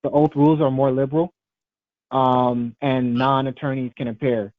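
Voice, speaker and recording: A man's voice: mid-range voice, little pitch movement, moderate pace. Hesitant man on a muffled call. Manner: hesitant, many ums. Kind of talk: virtual board meeting discussion. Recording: muffled video call audio.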